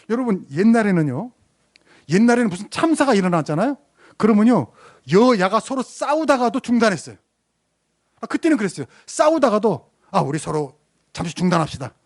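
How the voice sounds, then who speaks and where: Animated high-pitched male pastor preaching. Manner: animated storytelling preacher with rising emphatic lines and rhetorical questions. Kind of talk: sermon. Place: church sanctuary.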